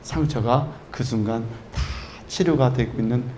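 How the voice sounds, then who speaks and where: A man's voice: medium pitch, normal speed, darkish tone, slight background noise. A middle-aged man preaching a sermon in a church, emphatic and full of rhetorical questions. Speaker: pastor. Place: church sanctuary.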